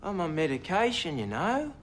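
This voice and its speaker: Australian man, indignant addict witness, high voice, animated pitch, slangy and rambling. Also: moderate pace, full character voice. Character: agitated scruffy male pensioner addict witness, cocky and evasive. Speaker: witness in court. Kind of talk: film drama acting.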